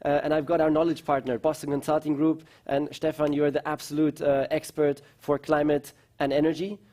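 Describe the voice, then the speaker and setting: Festival host, halting. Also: male voice, on the high side, little pitch movement, warm tone. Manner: hesitant, many fillers, switches between German and English. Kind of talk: live-streamed conversation.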